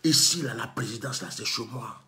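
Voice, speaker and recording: A man's voice: medium pitch, moderate pace, bright, forceful tone. A man from Côte d'Ivoire with an Ivorian French accent, telling a story and delivering an impassioned, scolding monologue that acts out bits of dialogue.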